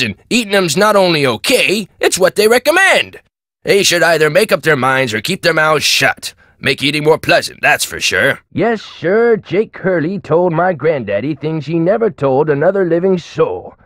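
In a video game, an actor voices a folksy, talkative man in his nineties with an American accent who rambles through stories. His voice is high-pitched and a bit bright, recorded with clean studio sound and no echo.

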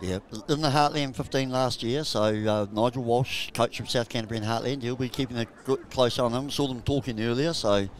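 A man's voice: mid-range voice, brisk, few pauses. Chatty New Zealand rugby commentator, man. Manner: chatty, jokey, bursts into excited shouting at big plays. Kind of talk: live sports commentary. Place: outdoor rugby ground.

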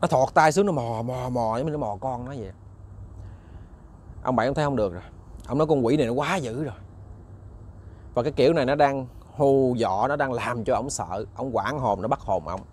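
In a brisk, mid-range, darkish voice broken by long pauses, a man with a Southern Vietnamese accent narrates a ghost story as a channel host. He's chatty, addresses his listeners directly, and repeats words while searching for what to say next.

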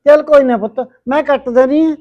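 A woman's voice: high-pitched, fairly even intonation, brisk, natural voice. A woman playing a weary village mother-in-law. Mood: gentle. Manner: gentle, weary, calls her "son". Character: tired, patient middle-aged village mother-in-law. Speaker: actress in a village family drama. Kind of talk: village family short-film drama. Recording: dull lo-fi recording.

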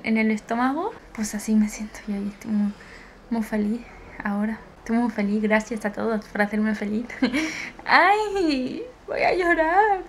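A young woman with a Spanish accent from Alicante talks straight to camera in a casual daily vlog. Her voice sits a little high, and she is bubbly and excitable, breaking into squeals and giggles. A faint hiss runs under the recording. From Spain. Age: 20s. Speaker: vlogger.

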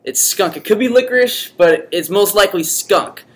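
A man's voice: sits high, expressive, moderate pace. A young man chatting casually to camera in a gross jelly bean eating challenge, sounding disgusted. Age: young adult. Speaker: challenge host and contestant. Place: large indoor common room. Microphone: camera mic at arm's length. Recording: noisy room, camera microphone.

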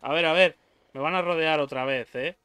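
A man's voice: fairly high pitch, moderate pace, sharp tone, slight background noise. A young man with a Spain Spanish accent doing let's play commentary on a horror game, swearing freely and yelping in fright. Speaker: gaming YouTuber.

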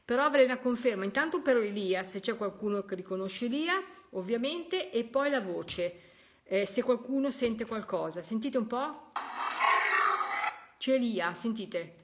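With a fairly high pitch and lively intonation at normal speed, a woman talks to viewers during a live spiritualist session. She sounds physically tired yet effusive, coaxing listeners to pay attention and repeatedly voicing her delight, with faint hiss or hum in the background.

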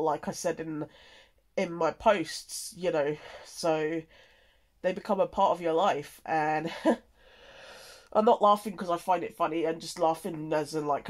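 It's a casual, meandering update from a content creator who keeps pausing, sounding weary and nasal with a cold. The pitch is medium and the sound a little mellow.

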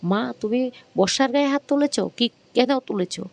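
A man's voice: extremely high pitch, a little fast, voice pushed up. A man voicing a resentful grown son who answers in a curt, stubborn way.

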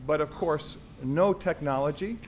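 An older man with an American accent giving a formal conference lecture, speaking in measured, halting short phrases. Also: a little high, a crowd in the background. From United States. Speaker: conference speaker, head of a bioethics organization. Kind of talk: formal lecture, pausing for translation. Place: large conference auditorium. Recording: noisy lecture hall ambience.

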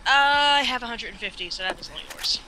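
A giggly, self-mocking let's play co-host chatting through casual gameplay, the pitch bouncing around a lot. A home gaming recording with clear background noise sits behind the voice. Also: lively intonation, fast talker, sharp tone, low-quality recording.

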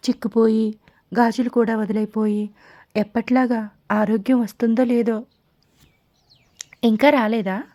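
Brief: woman audiobook narrator, calm, slightly high, warm tone, dry close mic. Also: normal speed, long pauses, no echo. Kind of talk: scripted narration.

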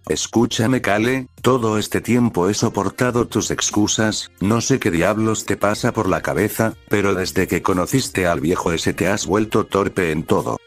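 Man voicing a fiery protective older sister, low, dry, faint music under. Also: a little slow, hardly any pauses. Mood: angry. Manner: angry, shouting, scolding. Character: hot-tempered protective older sister, brash woman.

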